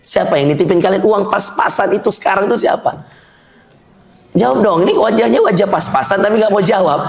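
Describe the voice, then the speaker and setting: A male preacher delivers a sermon in a high voice with a gravelly edge. He keeps the mood light, teasing the crowd and firing questions at them before driving each point home. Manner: jokey, teasing, quizzes listeners. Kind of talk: sermon to a live audience.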